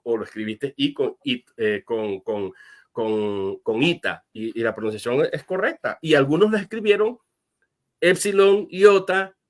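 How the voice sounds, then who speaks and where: Pastor guy walking through scripture, lots of "eh" and restarts, mid-pitched voice. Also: expressive, unhurried. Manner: earnest, explaining step by step with frequent fillers and restarts. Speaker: guest answering viewer questions. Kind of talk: explanatory Bible teaching.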